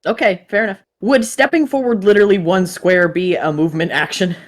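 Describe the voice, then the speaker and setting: A woman's voice: medium pitch, steady tone, brisk. A woman playing a tabletop game, asking questions about the rules and often apologizing. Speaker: player. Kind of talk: casual tabletop play.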